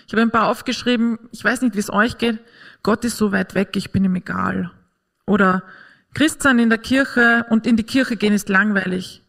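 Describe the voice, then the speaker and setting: A woman giving an earnest, encouraging faith-based talk on parenting to an audience. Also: fairly high pitch.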